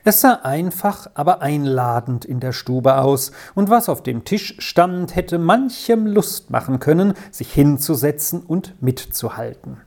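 A woman reads a storybook aloud in a calm, measured way. Her voice sits low and mellow, and she takes her time. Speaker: narrator. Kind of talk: storybook reading.

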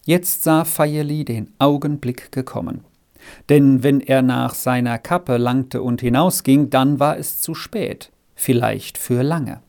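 A man narrating a children's story as an audiobook, in a measured storytelling manner. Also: mid-range voice, a little mellow. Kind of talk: audiobook reading.

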